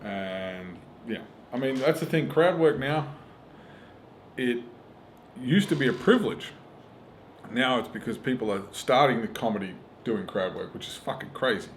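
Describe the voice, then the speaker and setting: With a mid-range, expressive voice at normal speed, this middle-aged Australian comic tells forceful, profanity-laced stories in casual conversation, performing the quoted lines. There's slight background noise.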